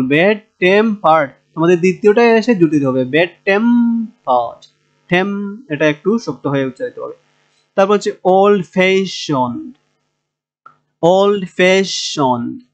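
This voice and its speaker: A man lecturing on linguistics in a Bangladeshi Bengali accent, with a slightly higher voice than most men. He stretches out each example word slowly and fills his pauses with hesitant sounds. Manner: slow, drawn-out sounding of example words with hesitant fillers. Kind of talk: recorded lecture.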